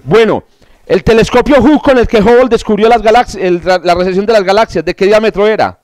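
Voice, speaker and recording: A man's voice: high-pitched, fast talker, darkish tone, dry recording. A man teaching an astronomy course, running through quiz questions in a classroom with jokes, asides and stammered restarts. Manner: joking, digressive, with stammered restarts.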